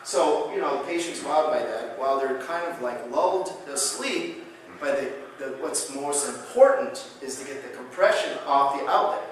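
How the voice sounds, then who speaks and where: A man's voice: medium pitch, lively intonation, moderate pace. A man giving a conference lecture as a chiropractic speaker, telling patient stories and acting out both sides of the conversations. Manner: anecdotal, acts out dialogue in storytelling. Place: conference hall. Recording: echoey hall, distant mic, faint noise.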